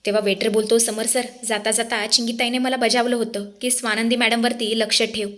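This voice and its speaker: A woman's voice: a little high, flat delivery, fairly quick, a bit bright. Woman narrator, dramatic storytelling recap, speaks to viewers. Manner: dramatic, addresses the audience.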